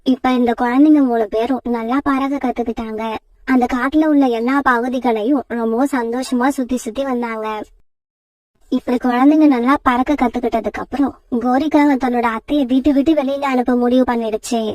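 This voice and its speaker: A woman narrating a cartoon storybook in a calm, even way. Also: on the high side, a little fast, dry recording, far from the mic.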